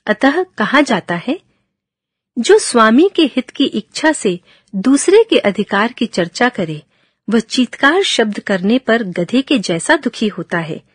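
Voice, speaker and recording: A woman's voice: on the high side, big pitch swings, slow, breathy edge, dry recording, clean studio sound. A woman teacher reading a textbook lesson, first a list of word forms and then a fable, enunciating each word carefully.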